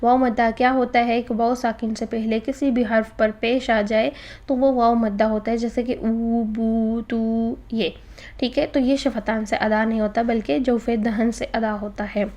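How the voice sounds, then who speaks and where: A woman's voice: fairly high pitch, flat delivery, darkish tone. A woman teaching Quran recitation in a recorded lesson, explaining patiently step by step and mixing in English words.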